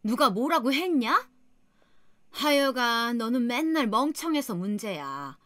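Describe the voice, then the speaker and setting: A woman voicing a harsh older mother-in-law who berates and belittles in a shrill, contemptuous way. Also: very animated, unhurried, pushed and bright, no echo, full character voice. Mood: contemptuous berating.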